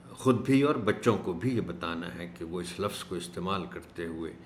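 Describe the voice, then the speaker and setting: A man teaching an Urdu lesson for teachers, speaking in a measured way and slowing down to stress each word he corrects. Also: low voice, slight background noise. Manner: measured, stresses words slowly when correcting pronunciation. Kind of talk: instructional video lesson. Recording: echoey room.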